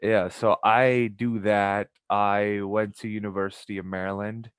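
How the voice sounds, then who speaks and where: Low-voiced young man chatting loosely. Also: measured pace, clear, resonant tone. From Pakistan. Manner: relaxed, rambling with many restarts. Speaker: podcast guest. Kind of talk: casual chat.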